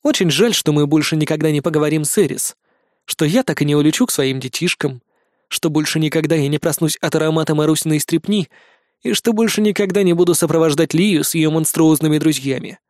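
Man, audiobook narrator, high voice, expressive and wry, dry close sound. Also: brisk, dry recording. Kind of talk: first-person novel narration.

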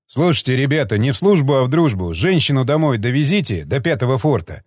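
A man's voice: medium pitch, sing-song, fast talker, no room sound, studio quality. A man narrating an audiobook voices a stern, stubborn sergeant who speaks in a clipped, guarded way. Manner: stern, hissing when angered.

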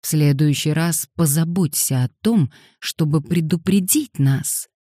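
A woman narrator plays an exasperated young man in a brawl, his retorts hoarse and rasping. Her voice stays low and mellow, recorded close and dry. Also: a little slow, no room sound.

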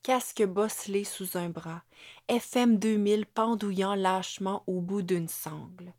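A woman narrating an audiobook in a measured way, sometimes sinking to a whisper. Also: medium pitch, fairly even intonation, darkish tone, no echo, clean studio sound.

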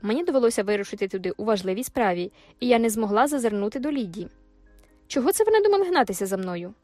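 A proud young mistress of a farm, played by a female narrator answers in cool, haughty retorts, her voice fairly high. It sits close and dry, with faint music in the background. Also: expressive, fast talker, a little mellow, no room sound, close to an everyday voice.

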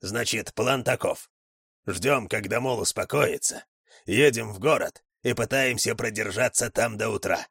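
A man's voice: on the low side, a little slow, gravelly, a bit bright, husky, dry recording, clean studio sound, heavily acted. A man doing an unflappable slangy leader. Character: cool-headed man, gruff slangy leader.

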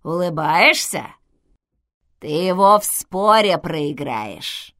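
A woman voicing a rude, creaky old woman speaking through an enchanted intercom, slow, loud and mocking. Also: lowish voice, lively intonation, dry recording, studio quality, exaggerated voice. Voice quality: creaky, hoarse.

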